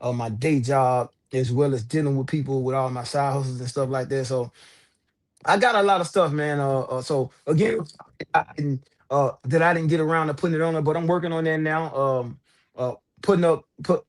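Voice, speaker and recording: A man's voice: mid-range voice, normal speed. A man hosting a livestream, talking loose and slangy over headset audio, addressing viewers directly. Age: adult with several children. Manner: loose, slangy, fired-up street talk. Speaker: livestream host. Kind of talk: casual livestream talk.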